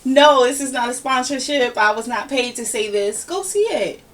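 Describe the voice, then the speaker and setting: A woman hosting a casual podcast, giving her opinions in a lively, ranting, conversational way. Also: fairly high pitch, moderate pace. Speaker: podcast host. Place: home room, relaxed podcast setting. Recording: somewhat distant mic with faint background noise.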